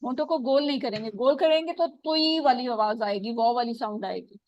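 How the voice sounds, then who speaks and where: A woman teaching Quran recitation in an online class, patiently repeating sounds slowly for her students. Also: a little high, a little mellow, muffled recording.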